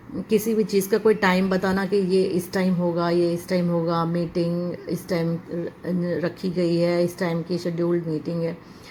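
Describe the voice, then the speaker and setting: A woman's voice: lowish voice, darkish tone, slight background noise, rough recording. A woman teacher with an Indian English accent, giving a pronunciation lesson in a mix of Hindi and English and repeating each word several times. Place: school classroom.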